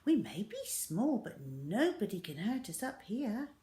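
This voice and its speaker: A woman voicing small excitable boys in a children's story, eager and plaintive. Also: mid-range voice, measured pace, roomy sound, voice pushed up. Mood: delighted. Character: small excitable young boys, Philip and William.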